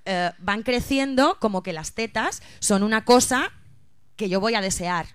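A woman in casual podcast conversation, working out her ideas aloud and often restarting mid-sentence. Her voice is mid-pitched and sits close and dry on the mic. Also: unhurried, clear, resonant tone, dry recording. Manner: thinking aloud with restarts and hesitations. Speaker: podcast co-host. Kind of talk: casual chat.

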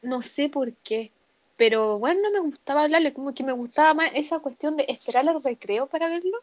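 A young woman with a Chilean accent chatting casually as a podcast co-host, telling self-deprecating stories in a relaxed way. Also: high voice, brisk. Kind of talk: casual chat.

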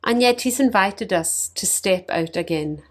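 A middle-aged woman from Scotland, a mission leader, reading a gentle, reflective devotional message. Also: mid-range voice, expressive, a little slow.

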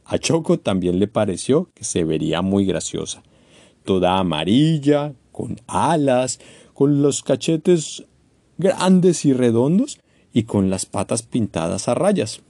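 A man reading a children's storybook aloud, expressive and animated. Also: mid-range voice, slow pace, no echo.

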